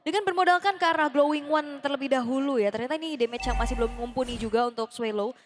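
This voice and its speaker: A woman's voice: high voice, fast talker, a little hiss or hum. A woman with an Indonesian accent, an esports caster, gives flowing, keyed-up analysis of a live match.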